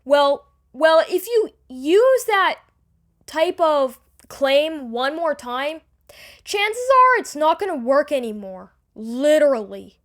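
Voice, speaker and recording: A woman giving an unscripted, defensive personal explanation to an online audience, rambling and halting with repeated words and casual swearing. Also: high-pitched, very animated, fairly bright tone. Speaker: online creator addressing the audience. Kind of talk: unscripted personal apology and self-defence video.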